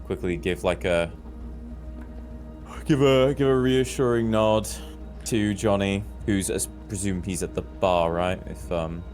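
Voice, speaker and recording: Low-voiced polite man player. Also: a little slow, darkish tone, faint music behind. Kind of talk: in-character tabletop role-play.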